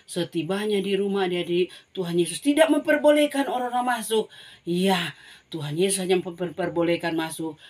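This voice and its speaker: A woman's voice: lowish voice, a little fast. Woman teaching a Bible lesson. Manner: animated storytelling, often calling to the children. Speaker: Sunday school teacher.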